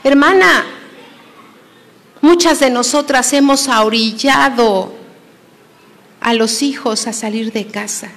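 A woman from Mexico preaches to a congregation, pressing her points with emphasis and then sinking to a hushed near-whisper. Her voice sits high, and a long reverb trails behind it through the church hall. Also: slow pace, long pauses. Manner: emphatic, shifts between loud exhortation and hushed near-whisper. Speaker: preacher at a women's conference. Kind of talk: sermon.

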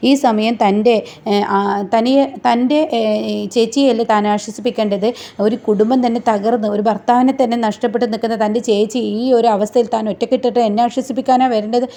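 A woman's voice: a little high, fairly even intonation, a little fast, warm tone, lightly acted. A woman voicing an angry, reproachful male lawyer. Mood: heated. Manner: reproachful, heated.

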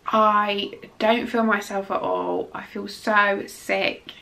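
A woman's voice: mid-range voice, flat delivery, slow, gravelly, pushed and bright. A young woman giving a casual pregnancy update vlog, rambling and emotional, exhausted and near tears, with lots of ums and restarts. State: exhausted and tearful. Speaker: vlogger.

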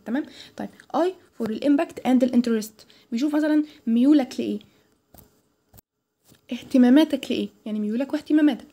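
A young Egyptian woman explains course material at a rapid clip, tripping over restarts and slipping English terms into her Arabic. Her voice sits a little high but sounds soft and mellow rather than bright. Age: young adult. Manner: chatty, fast, many restarts, mixes in English terms. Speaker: student tutor. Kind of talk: informal lecture.

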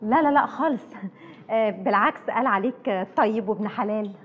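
An actress playing a hopeful young university student with an Egyptian accent in a TV drama. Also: female voice, medium pitch, fairly quick, a little hiss or hum, natural voice. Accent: Egyptian Arabic. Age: young adult.

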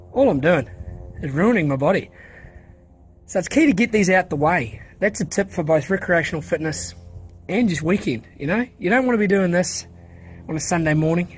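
A young man talking to his phone on a hill walk, joking in a deadpan way as he walks. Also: fairly high pitch, slight background noise. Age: young adult. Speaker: vlogger. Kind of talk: casual walking vlog. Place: outdoors on a hill walk in a park. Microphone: phone at arm's length.

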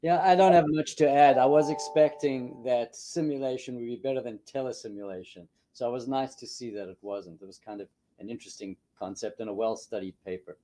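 A man on a panel giving a brief, low-key comment. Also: steady tone, brisk, few pauses, warm tone, rough recording.

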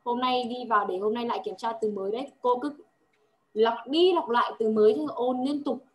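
Lady tutoring, kinda high voice, patient, keeps asking got it?. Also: brisk. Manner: patient, drills words with frequent check questions. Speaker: English tutor. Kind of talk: one-on-one language lesson.

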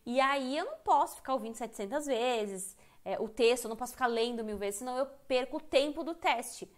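A Brazilian woman with a fairly high voice teaches English in a live online lesson. She talks candidly and chattily and often breaks off mid-sentence to restart her thought. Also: lively intonation, a little fast. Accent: Brazilian Portuguese. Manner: candid, chatty, self-interrupting. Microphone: computer mic on a live stream.

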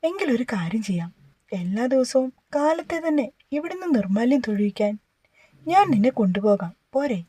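A woman's voice: on the high side, big pitch swings, moderate pace, dark tone, breathy edge. A woman voicing a short-tempered but caring young husband who scolds and then coaxes. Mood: coaxing.

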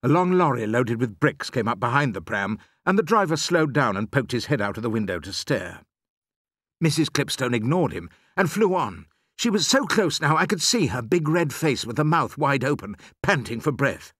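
Expressive male storyteller, dry close sound. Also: medium pitch, moderate pace, breathy edge, dry recording. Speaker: audiobook reader. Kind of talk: first-person story narration.

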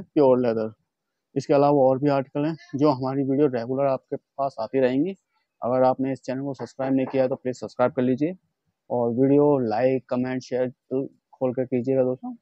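A man's voice: medium pitch, no echo, muffled recording. A man from India giving a chatty walkthrough of leather shoes in a casual vlog, often calling out to his viewers as friends. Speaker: vlogger showing shoes for wholesale. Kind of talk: casual product demonstration vlog.

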